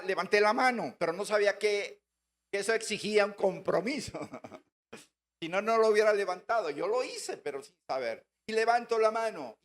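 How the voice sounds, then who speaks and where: A man's voice: high-pitched, fairly bright tone. A man giving a personal conversion testimony at a church gathering. He tells his story and stresses key words by repeating them. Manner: storytelling, acting out remembered dialogue; repeats words and phrases for emphasis.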